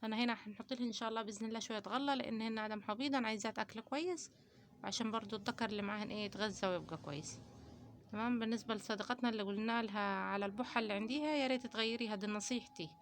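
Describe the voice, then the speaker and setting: A woman's voice: on the high side, very fast, a little hiss or hum. A woman from Upper Egypt with an Upper Egyptian Arabic accent, hosting a casual home vlog about keeping poultry. She talks to viewers directly, gives advice and uses many pious phrases. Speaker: poultry-keeping channel host.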